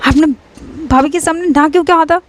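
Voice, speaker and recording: A woman's voice: a little fast, lightly acted. Woman voicing a pouty, accusing young girlfriend. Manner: pouting, accusing, raised pitch. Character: flustered young woman, girlfriend quick to anger.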